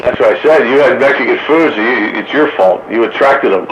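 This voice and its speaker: Heard through a receiver, this radio transmission is muffled and staticky with faint noise. The speaker is a man, an amateur radio operator on a round table, whose medium-pitched, slightly bright voice moves fairly quickly as he chats casually and tells joking anecdotes on a two-way radio.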